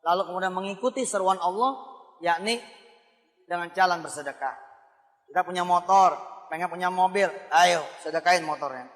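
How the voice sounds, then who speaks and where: Man, lively preacher, high bright voice, long hall reverb. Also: normal speed. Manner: animated, playful, calls out to the audience. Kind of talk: lively sermon to a congregation.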